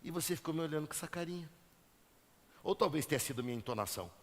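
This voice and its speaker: A male pastor with a Brazilian Portuguese accent, preaching a sermon in a church. He swells into emphatic, drawn-out phrases and then drops low and quiet. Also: lively intonation. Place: church sanctuary. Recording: long hall reverb.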